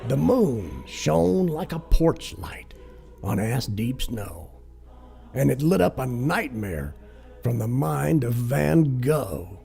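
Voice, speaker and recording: A man narrates a crude, cheeky rhyming parody in a heavily gravelly voice. He takes his time, and his delivery rises and falls widely, with music playing underneath. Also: mid-range voice, big pitch swings, slow, mellow. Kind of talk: comic rhyming verse recitation.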